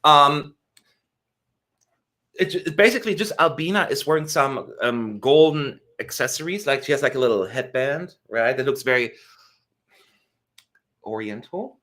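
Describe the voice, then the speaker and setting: A man co-hosting a live stream in relaxed chat. His pitch moves up and down a lot as he talks, at a middle height for a man. He fills his pauses with many ums. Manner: chatty, lively intonation, many fillers.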